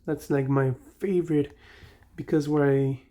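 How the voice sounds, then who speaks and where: His voice is a little high and warm, with fairly even intonation and a slightly slow pace. A young gaming channel host with a Mexican accent, he chats nostalgically during play, rambling and revising his words as he goes.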